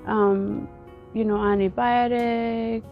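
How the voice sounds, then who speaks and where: A woman from Ethiopia, vlogging outdoors in an earnest, halting way and often repeating her words. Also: a little high, little pitch movement, muffled recording, soft background music. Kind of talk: casual personal vlog talk.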